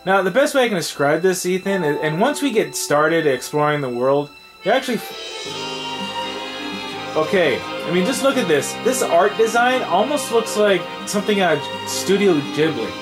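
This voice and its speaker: Animated young man hosting a game playthrough. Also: high voice, moderate pace, over music. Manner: rambling, animated, trailing off with fillers. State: tired. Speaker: let's play host. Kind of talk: casual gameplay commentary.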